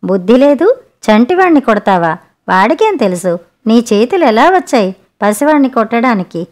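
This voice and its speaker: A woman's voice: on the high side, big pitch swings, moderate pace, darkish tone. An anxious young mother, read by a woman. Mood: indignant. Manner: pleading, worried.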